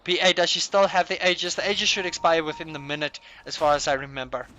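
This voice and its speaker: A man's voice: a little high, level tone, quick pace, pushed and bright. A man commentating live esports play-by-play like a hype fighting game announcer, calling out big plays.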